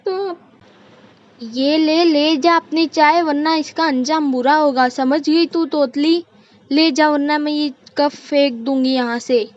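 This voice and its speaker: A woman voicing a bossy, scolding middle-aged mother-in-law in a cartoon, with a sharp, commanding way of talking. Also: high-pitched, level tone, unhurried. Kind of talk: cartoon voice acting. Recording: dull lo-fi recording.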